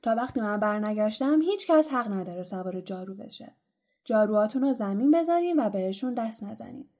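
A woman voicing a stern, brisk female flying teacher who gives firm orders. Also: medium pitch, expressive, dark tone, natural voice. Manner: firm, commanding.

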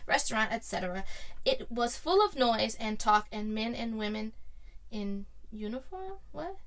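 A woman co-hosting a podcast in casual chat, giggly and talking in quick bursts. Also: on the high side, lively intonation, a bit bright. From New Orleans. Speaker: podcast co-host.

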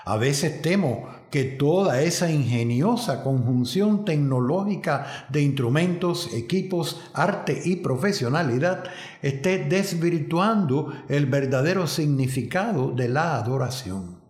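Pastor, lively roomy sermon. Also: male voice, a little high. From Cuba. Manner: measured, reflective storytelling. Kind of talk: radio devotional sermon.

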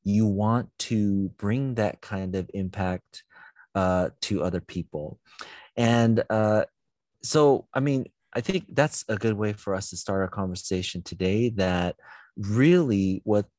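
Pastor, male, low voice, dry sound, reflective and unhurried in conversation. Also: darkish tone, dry recording. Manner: thoughtful, searching for words. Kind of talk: conversational Bible discussion.

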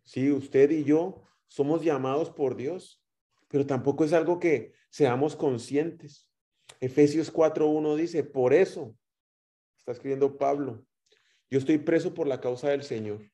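A man with a Guatemalan accent preaching a sermon, telling stories and swinging between loud emphatic phrases and quiet trailing ones. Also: on the high side, unhurried. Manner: storytelling with rising and dropping loudness.

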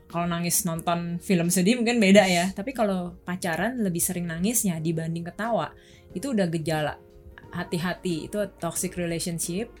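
A young adult woman from Indonesia, a guest on a chat show, telling candid personal stories in a casual way. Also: fairly low pitch.

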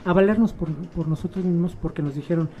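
A man in casual conversation, animatedly telling family stories and quoting relatives in lively voices. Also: on the high side, fast talker, dull audio.

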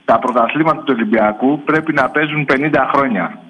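A man calling a sports radio show by phone, telling jokes about rival fans in a rambling, quick, chuckling way. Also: medium pitch, a bit bright, slightly rough, dull audio. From Greece. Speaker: radio caller, football fan. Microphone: phone line.

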